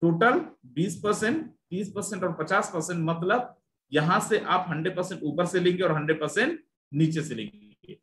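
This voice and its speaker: A man presenting an investment plan in a persuasive sales pitch, repeating figures and mixing in English phrases. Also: normal speed, fairly bright tone, reverberant.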